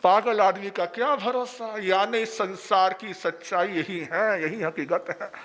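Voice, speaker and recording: A man, a Jain monk, giving a storytelling sermon in a playful, animated way. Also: sits high, measured pace. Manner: animated, playful, acts out voices.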